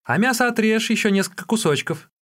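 A man voicing a cheeky young male street peddler who chatters in a high, excited voice. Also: fast.

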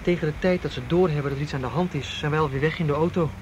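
A man's slightly high, natural-sounding voice races along very fast as he plays a tense, self-assured getaway planner, issuing clipped instructions. It's a naturalistic radio drama with a dull, noisy recording quality.

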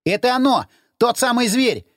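A man doing a frantic shouting lookout. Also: high voice, normal speed, no room sound, studio quality, voice pushed up. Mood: alarmed. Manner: excited, shouting.

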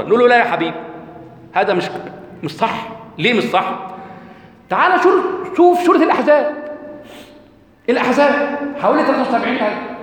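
Animated Egyptian man lecturing in an echoey hall. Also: very high voice. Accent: Egyptian Arabic. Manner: questions the audience and answers himself, animated. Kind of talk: religious lecture.

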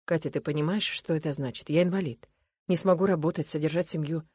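A broken, remorseful husband, voiced by a woman in a husky, lowish voice, speaking tearfully in hushed pleas. The sound is close and dry. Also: steady tone, fast, no echo.

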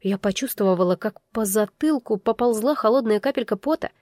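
A woman's voice: fairly high pitch, brisk, a little mellow, no echo, clean studio sound. Woman reading a tense first-person audiobook. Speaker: audiobook narrator. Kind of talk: scripted first-person fantasy narration.

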